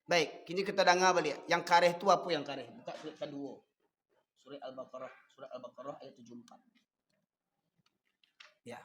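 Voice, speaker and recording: A man's voice: on the high side, steady tone, brisk, pauses often, a bit bright, long reverb tail, a little hiss or hum. A man with a Minangkabau accent preaching a sermon, fiery and scolding. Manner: fiery, scolding, switches between dialect and Indonesian.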